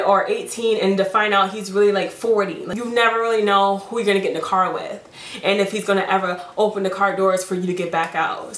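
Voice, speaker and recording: A young adult woman giving frank dating advice in a casual vlog, chatty and quick to laugh. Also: medium pitch, a bit bright. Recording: roomy, distant mic.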